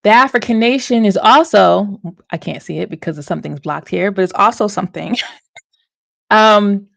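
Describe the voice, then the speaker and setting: A woman's voice: medium pitch, moderate pace, gravelly, fairly bright tone, no room sound. A woman hosting a livestream discussion, talking casually with many fillers and restarts.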